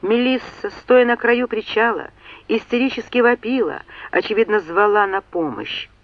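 A woman narrating a novel in an expressive, lively storytelling manner. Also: on the high side, moderate pace, no echo, highs cut off. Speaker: audiobook narrator. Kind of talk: scripted narration.

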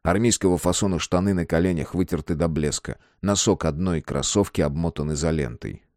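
A man narrating an audiobook in a lively, expressive reading. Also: low voice, fairly quick, no room sound, studio quality. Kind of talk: scripted narration.

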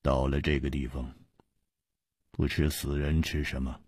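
A man's voice: wildly swooping pitch, a little slow, slightly rough, dry recording, studio quality, exaggerated voice. A man voicing a masked woman who speaks coldly and sparingly as a graveyard stranger. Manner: cold, clipped, low.

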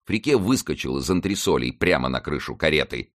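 Male audiobook reader, very low voice, lively intonation, scripted narration. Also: a little fast. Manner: lively, expressive reading. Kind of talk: scripted narration of a classic novel.

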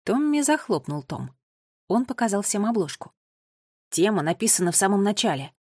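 A woman reads a children's story aloud in a steady, clear storytelling voice. Her pitch sits in a middle range. The recording is dry and close, with no room sound. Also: normal speed, dry recording. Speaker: narrator. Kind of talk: audiobook reading for children.

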